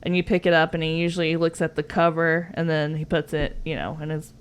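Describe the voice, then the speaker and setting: A woman's voice: low voice, little pitch movement, fairly quick, smooth. Chatty, giggly woman podcast host. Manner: chatty and giggly, sharing facts with frequent "like" fillers. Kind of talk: casual podcast chat.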